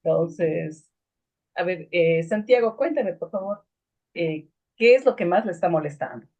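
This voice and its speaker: A woman student speaking calmly and in a measured way in an online class. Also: fairly low pitch, highs cut off.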